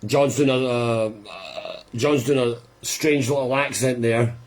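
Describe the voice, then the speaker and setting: A man hosting a live listening party, chatting casually and rambling with quiet amusement as the record plays. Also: medium pitch, takes it slowly.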